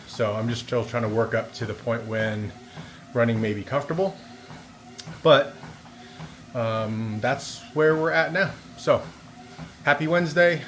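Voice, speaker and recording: Faint treadmill noise sits behind a man with a medium-pitched voice. He is walking as he records a casual vlog, musing in a loose, rambling way and often trailing off mid-thought. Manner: talking while walking on a treadmill. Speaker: vlogger. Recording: steady background noise of treadmill. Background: treadmill and room noise.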